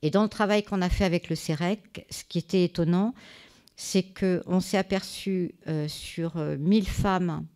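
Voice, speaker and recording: A woman giving a conference talk, reading a prepared text in a measured way, with small fillers and restarts. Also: lowish voice, steady tone, a little mellow. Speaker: conference speaker. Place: conference hall.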